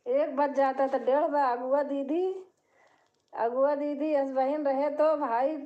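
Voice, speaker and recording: A woman's voice: high-pitched, steady tone, slow, highs cut off. Chatty older woman hosting a live stream. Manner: chatty, warm-hearted, breaks into folk singing. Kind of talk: casual live chat with viewers. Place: home.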